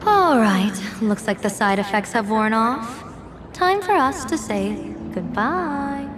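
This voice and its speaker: Sly, lilting young fortune-teller. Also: female voice, fairly high pitch, animated, slow pace. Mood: teasing. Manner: teasing, coy, dramatic. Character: sly, theatrical young female fortune-teller, playfully blackmailing. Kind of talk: video game voice acting. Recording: music under the voice. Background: music.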